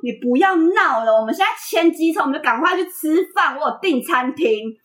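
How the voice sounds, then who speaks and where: A woman with a Taiwanese Mandarin accent quoting her exasperated young boyfriend in her own high voice. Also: lively intonation, a bit bright. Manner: hurried, high-pitched quoting.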